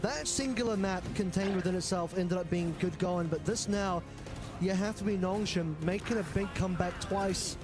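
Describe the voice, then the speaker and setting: A man's voice: sits high, normal speed, over music. A man giving live esports commentary as a match caster.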